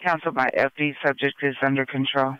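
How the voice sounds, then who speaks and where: A man working as a police dispatcher who reads out vehicle descriptions, plates and incident numbers in a steady, businesslike way over a scanner radio crackling with static. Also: mid-range voice, brisk, smooth, no room sound, dull audio. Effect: police scanner radio with static bursts.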